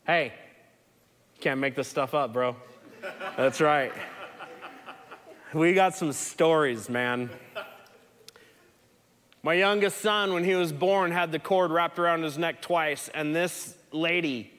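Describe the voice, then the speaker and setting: A man's voice: a little high, slow, long pauses, a bit bright. A man preaching a sermon in an earnest, conversational storytelling way. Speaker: pastor. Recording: long hall reverb.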